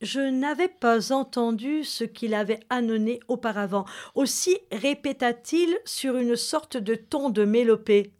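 A woman hosting and reading a novel aloud, calm and deliberate. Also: on the high side. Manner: slow, calm storytelling. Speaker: reader and host of the reading. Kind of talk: scripted narration of a novel.

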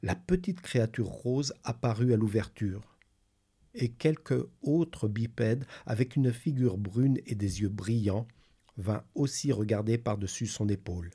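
Brief: man, audiobook narration, dark and slightly husky, unhurried. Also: on the low side. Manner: slow, measured storytelling. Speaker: reader. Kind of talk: scripted narration of a novel.

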